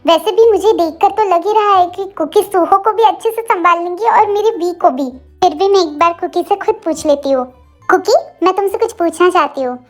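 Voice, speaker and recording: A bossy, emotional mother and grandmother who scolds and dramatizes everything, played by a woman narrator. Her voice sits very high, with soft music under the storybook narration. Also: a little fast. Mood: warm. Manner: scolding, theatrical.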